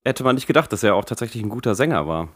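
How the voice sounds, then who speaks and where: A man with speech hosting a casual podcast, his voice deepened and worn from a recent infection. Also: lively intonation, very fast, no room sound, clean studio sound. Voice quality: deepened, croaky voice left over from an infection. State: recovering from Covid with a lingering cough, vocal cords strained. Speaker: podcast host.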